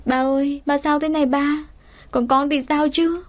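A woman voicing a poor, gentle thirteen-year-old girl who talks politely and pleads through sobs. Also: fairly high pitch, fairly even intonation, fairly quick, lightly acted. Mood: panicked sobbing. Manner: polite, pleading, sobbing cries.

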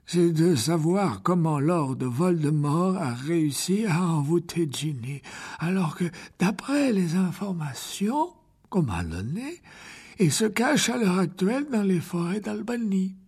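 A man reading an audiobook, voicing a gentle, slow-spoken old male wizard headmaster who chuckles and repeats himself. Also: high voice, expressive, slightly rough, pitched above the performer's own voice, exaggerated voice. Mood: musing. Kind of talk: audiobook character voice.

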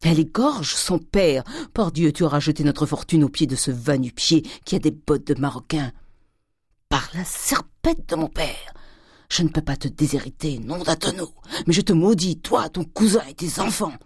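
A reader voicing a domineering, miserly old father who lurches from loud fury to hissed whispers. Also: mid-range voice, normal speed, husky, no room sound, studio quality, close to an everyday voice. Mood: raging. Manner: thundering, swinging from shouts to hissed whispers. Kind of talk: audiobook character reading.

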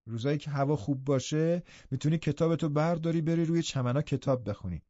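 Kindly middle-aged housekeeper woman played by a man, gentle, reassuring, mellow dark tone, dry close sound. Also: fairly high pitch, no room sound, lo-fi sound, natural voice.

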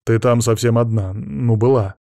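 A man's voice: mid-range voice, fairly even intonation, normal speed, mellow, dry recording, studio quality, natural voice. A man reading an audiobook, voicing a condescending, anxious ex-husband who talks in a patronizing way. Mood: heated. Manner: patronizing, then heated. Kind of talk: audiobook character voice.

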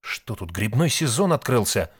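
A man's voice: medium pitch, big pitch swings, normal speed, husky, no room sound, clean studio sound. A man reading an audiobook, voicing a curious, wry male space explorer.

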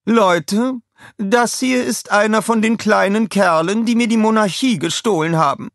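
A man's voice: high-pitched, measured pace, fairly bright tone, no room sound, studio quality, voice pushed up. Man playing a grumpy old queen, storybook. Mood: scornful.

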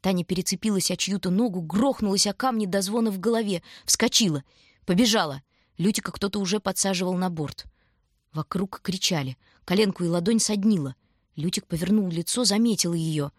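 A woman narrating an audiobook in an even, measured storytelling voice. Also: medium pitch, dry recording, clean studio sound. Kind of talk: scripted narration.

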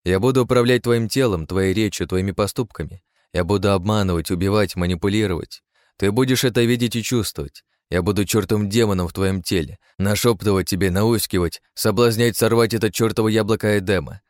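A man puts on a scheming male tempter from an audiobook, speaking in a low, coaxing, menacing voice. He is recorded dry and close, with no room sound. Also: fairly quick, darkish tone, no room sound, natural voice. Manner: cold, coaxing, menacing persuasion. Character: scheming male demon-like protagonist, commanding and persuasive.

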